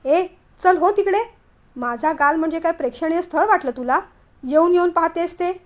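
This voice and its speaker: A woman's voice: very high voice, moderate pace, pitched above the performer's own voice. Woman doing a sulky, snappish young husband. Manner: snappish, sarcastic.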